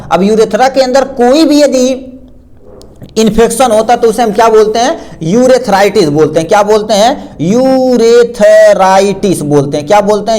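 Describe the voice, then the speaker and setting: High-pitched guy teaching pharmacy, keeps asking and answering his own questions. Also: a little mellow. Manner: repeats questions to the class and answers them himself. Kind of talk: explaining lecture with a diagram.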